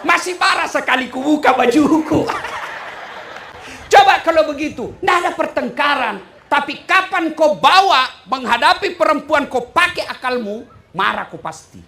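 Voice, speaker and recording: A man preaching a humorous sermon. His voice is bright and sharp, and it swings widely up and down as he bursts into loud emphasis. He breaks into snatches of sung song. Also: very high-pitched, expressive, normal speed.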